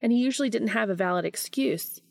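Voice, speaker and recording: A woman reads fan fiction aloud as scripted audiobook narration. Her voice is on the high side and fast, with vocal fry, and the recording is dry with a clean studio sound.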